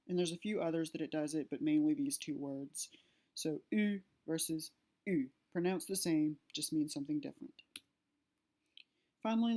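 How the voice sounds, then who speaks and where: Low-voiced woman teaching a language lesson. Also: darkish tone. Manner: explanatory, with fillers and self-corrections. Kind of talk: slide-based lesson narration.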